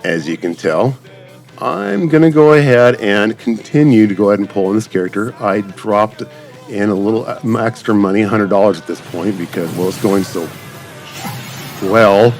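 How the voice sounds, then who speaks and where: Over game footage, a gaming YouTuber with a low, darkish voice rambles through his gameplay at a normal pace, talking to viewers like a streamer. His wordy, informal commentary has music running underneath.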